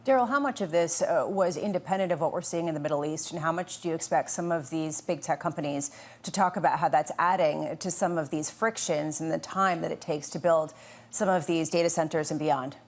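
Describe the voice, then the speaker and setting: A woman's voice: sits low, a little fast. A woman anchor asking long, composed questions in a financial news interview.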